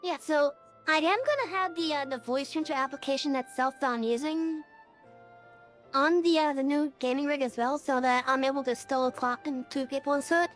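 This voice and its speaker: A streamer speaks through a real-time voice changer that gives a high, feminine-sounding voice. The talk is loose and rambling, with plenty of ums and restarts. Faint music plays softly behind. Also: moderate pace. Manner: rambling, many fillers and restarts. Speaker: game streamer. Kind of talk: casual live-stream chat.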